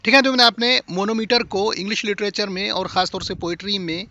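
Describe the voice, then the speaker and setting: A man's voice: high voice, steady tone, brisk, pushed and bright, muffled recording, slight background noise. A man teaching a lesson, explaining step by step and checking that the listener follows.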